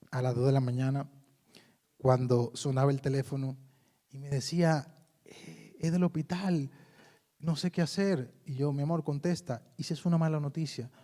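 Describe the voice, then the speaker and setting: A man's voice: fairly high pitch, warm tone. A man preaching a sermon in a conversational way, often calling his listeners brother. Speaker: pastor.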